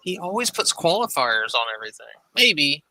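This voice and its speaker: Brief: male stream host, very bright sound, mocking casual commentary, dry. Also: fairly high pitch, big pitch swings, normal speed, dry recording, low-quality recording. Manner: sarcastic, teasing. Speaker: stream host reacting to a clip.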